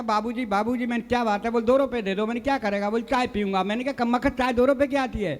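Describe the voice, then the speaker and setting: A man's voice: very high voice, long reverb tail. A man reciting comic poetry and funny stories on stage, acting out the dialogue and addressing the audience. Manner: storytelling with quoted dialogue, addressing the audience as sahab. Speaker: comic poet. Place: stage of a live poets' gathering.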